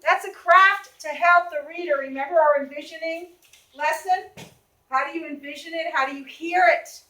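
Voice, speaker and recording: A woman teacher with a Boston accent runs a classroom reading lesson, quizzing students by name. Her voice sits high and sounds bright and sharp. The room around her rings with echo. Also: moderate pace. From Boston area. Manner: questioning, calls on students by name. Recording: echoey classroom.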